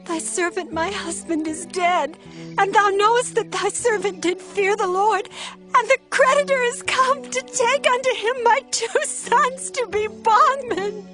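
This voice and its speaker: An actress playing a humble, distressed widow in a dramatized audio Bible, pleading and emotional. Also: female voice, extremely high pitch, a little slow. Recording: music bed behind the voice.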